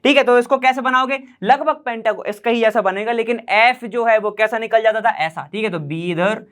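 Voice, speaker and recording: In an online chemistry lecture, a man explains things in a casual, chatty way while drawing on a board, often checking that students are keeping up and slowly repeating key terms. His voice is very high-pitched, a bit bright, and clean in tone.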